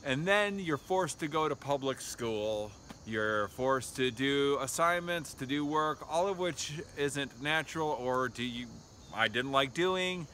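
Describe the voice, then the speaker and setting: Worked-up guy venting on camera, tense bright voice, rambling with tons of "like". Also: medium pitch, animated, a little slow, a little hiss or hum. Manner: agitated, rambling, heavy use of "like". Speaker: vlogger. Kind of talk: heated rambling monologue.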